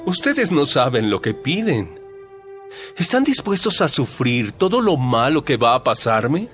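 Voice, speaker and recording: In a dramatized audio Bible, a man plays a calm, authoritative male teacher, speaking in a measured, solemn way at medium pitch. Soft music plays in the background.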